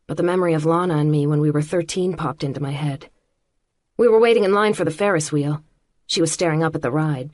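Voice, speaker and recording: A woman narrating an audiobook in the first person with a measured, quietly intimate reading. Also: sits low, no room sound.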